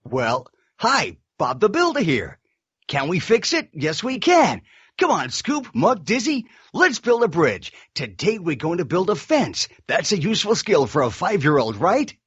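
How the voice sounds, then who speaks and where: Brief: a man putting on a cheerful American builder, pitched up, bouncy sing-song can-do cheer, dull lo-fi sound. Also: wildly swooping pitch, measured pace, fairly bright tone, breathy edge, dry recording, heavily acted. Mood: cheery.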